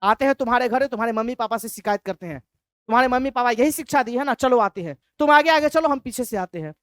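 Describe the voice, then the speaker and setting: A woman's voice: fairly high pitch, expressive, fast, dry recording, clean studio sound, natural voice. A woman playing a scolding, strict schoolteacher. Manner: scolding, bossy. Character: angry strict male school ethics teacher.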